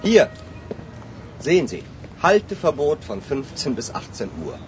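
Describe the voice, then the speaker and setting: A man voicing a calm, patient young hotel clerk in a language-learning radio drama. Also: fairly high pitch, slow, slight background noise.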